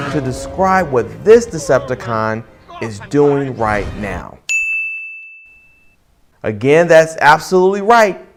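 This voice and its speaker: Slow, lively-voiced male English teacher. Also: mid-range voice. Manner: playful, deliberate explaining, quizzes the listener. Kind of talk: lesson voice-over over movie clips.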